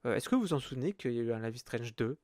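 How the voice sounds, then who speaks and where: A man's voice: mid-range voice, lively intonation, very fast, a little mellow, no room sound, studio quality. A man hosting a casual solo podcast, rambling with lots of hesitations. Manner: rambling, many hesitations and fillers. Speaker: podcast host.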